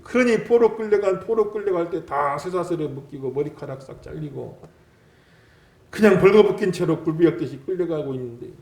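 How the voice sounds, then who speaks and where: A male pastor delivers an impassioned sermon, his fairly high voice leaping up and down as he acts out jeering voices. He swells loud, then sinks almost to a murmur. The sound rings through an echoey church hall. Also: lively intonation, brisk. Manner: dramatic preaching with mocking quoted taunts, swelling and dropping loudness.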